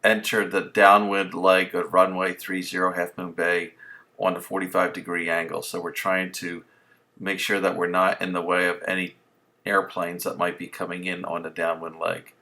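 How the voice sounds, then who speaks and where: Man, casual explanatory vlog voice-over, student pilot, deep voice, creaky. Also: little pitch movement, moderate pace, pushed and bright.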